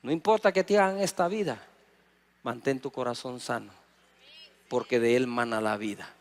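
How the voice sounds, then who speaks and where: A man's voice: medium pitch, moderate pace. A middle-aged man with a Guatemalan Spanish accent, preaching a sermon, acting out little dialogues and calling on the congregation to answer. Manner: lively preaching with acted dialogue and audience prompts. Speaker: pastor.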